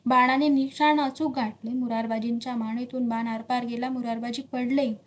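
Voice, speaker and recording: A woman reads a historical novel aloud in a steady, dramatic storytelling voice. Her voice sits somewhat high for a woman. She paces each scene with care. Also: moderate pace. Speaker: narrator.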